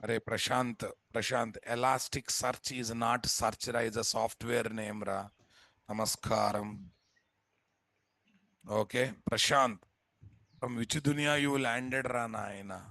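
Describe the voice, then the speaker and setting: A man with a Telugu Indian accent teaches a software class in an informal, blunt way. His voice has a gravelly creak and is recorded dry, with little room sound. He repeats key points and often checks with rhetorical questions. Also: medium pitch, steady tone, takes it slowly, dry recording. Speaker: software instructor. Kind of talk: live online class, informal lecturing. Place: indoors at a computer, live screen-share class.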